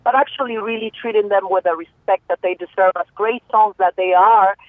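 Over a tinny phone line, a musician from Peru talks playfully in Spanish-accented English, her mid-range voice moving fairly quickly. She's animated and quick to laugh, and the recording is dry.

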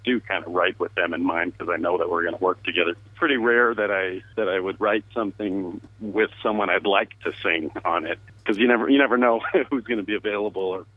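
Low-voiced man on a tinny phone line. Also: fairly quick, few pauses, dry recording. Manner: relaxed, laughs easily. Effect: heard over the phone. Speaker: music producer guest. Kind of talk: casual interview chat.

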